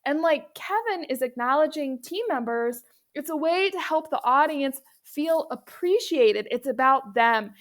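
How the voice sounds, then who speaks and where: A woman's voice: sits high, lively intonation, measured pace. A woman presenting as a speaking coach, giving instructive video commentary addressed directly to the viewer.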